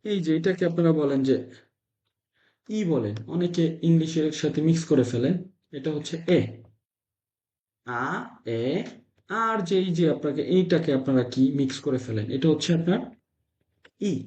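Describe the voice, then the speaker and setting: A man teaching Italian letter sounds to a class, drilling syllables in slow repeated chants. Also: fairly high pitch, expressive, darkish tone. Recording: echoey room, dull lo-fi sound.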